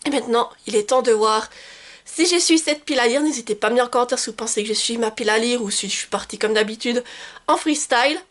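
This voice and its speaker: A woman from France, speaking fast in a fairly high voice, chats through her reading challenge in a casual book vlog. She's talkative, with lots of fillers and restarts.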